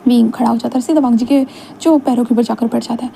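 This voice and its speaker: A woman's voice: fairly high pitch, steady tone, fast talker, gravelly, dark tone, slight background noise, rough recording. A woman casually retelling a fan fiction story, talking it through in a conversational way with fillers. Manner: conversational, fillers between lines.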